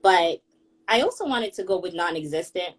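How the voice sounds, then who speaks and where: Young woman from Kenya, guest on a call; husky, lowish voice, chatty and quick to laugh. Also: expressive, poor audio. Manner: chatty, laughs often while telling stories. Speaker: guest, hairstylist and blogger. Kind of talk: casual conversation on a group audio call.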